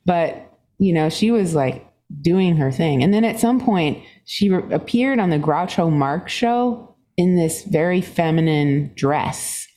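Born in Singapore, this woman is a visiting musician sharing stories during a podcast interview. She's lively and laughs a lot, her pitch leaping upward as she goes, though she keeps a measured pace.

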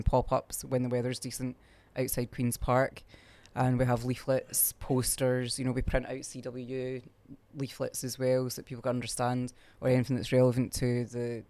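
A man's voice: mid-range voice, darkish tone. A man, talking casually as a community organiser, rambling with lots of fillers. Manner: rambling, many fillers and restarts. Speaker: strike solidarity group organiser. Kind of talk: casual interview talk.

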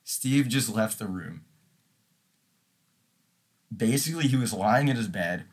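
A young man co-hosts a casual podcast and tells a story, acting out each moment as he goes. His voice sits a little low, and he talks loosely, swearing and laughing along the way. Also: animated, unhurried, breathy edge. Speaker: podcast co-host. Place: audio-only podcast recording.

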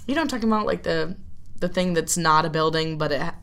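A woman's voice: sits low, quick pace, a bit bright. A young woman co-hosting a casual chat, telling rambling stories with frequent laughs and fillers. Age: young adult. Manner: rambling, giggly storyteller. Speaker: co-host.

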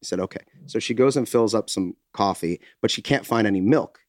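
A man's voice: on the low side, a little fast, no echo, studio quality. A man casually telling a long anecdote to his co-hosts, his voice rising as he gets into it. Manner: animated anecdote teller, voices rise with excitement. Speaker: podcast co-host. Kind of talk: casual chat, storytelling.

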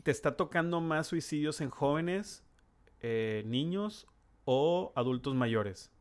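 A middle-aged man, a neurologist, hosting a conversational interview, earnest and halting with frequent restarts. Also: a little high, expressive. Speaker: neurologist podcast host.

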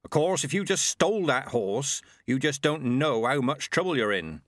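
A man's voice: mid-range voice, lively intonation, normal speed, a bit bright, no echo, studio quality, voice pushed up, close to an everyday voice. A man voicing a small, cheery, shrewd older woman who is a witch.

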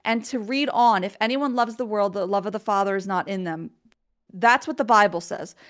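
A woman's voice: mid-range voice, normal speed. Woman speaking over a video call. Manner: earnest, filler-heavy, candid. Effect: heard over a video call connection. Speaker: guest co-host on a faith livestream. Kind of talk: casual livestream chat and scripture reading.

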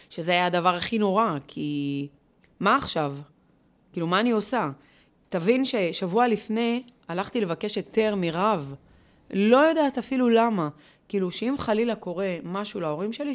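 A middle-aged woman with a somewhat low voice speaks in an interview. She tells a personal story in a heartfelt, searching way. Her talk is full of rhetorical questions and small fillers. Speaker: interviewee, volunteer leader.

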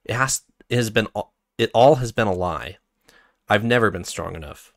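Despairing young soldier, read by a man: strained, pleading, slightly raised pitch, dry close sound. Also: animated, normal speed, fairly bright tone, no echo.

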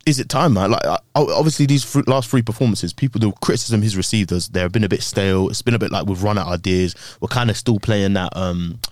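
Low-voiced London man, urban roadman slang. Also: quick pace, few pauses, darkish tone, dry recording, studio quality. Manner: slangy, conversational. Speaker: football podcast host. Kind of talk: casual chat.

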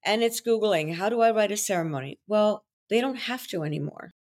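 A little fast and mid-range in pitch, a woman from Belgium whose first language is French describes being a wedding coach and officiant in a podcast interview. Her manner is confident and theatrical, full of expression.

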